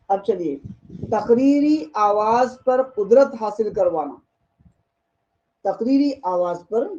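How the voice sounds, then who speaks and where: Male exam-prep teacher with an Indian Urdu accent, warm dark tone, dull recording, patient and repetitive. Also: high voice. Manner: repeats and rephrases, mixes English terms. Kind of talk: explaining exam questions.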